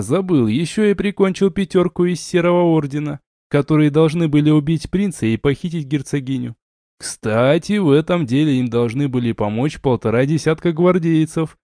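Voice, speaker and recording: A male audiobook reader voicing a calm, wry male companion who lists things in a dry, matter-of-fact way, in a close, dead recording. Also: on the high side, moderate pace, dry recording, close to an everyday voice. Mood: dryly mocking.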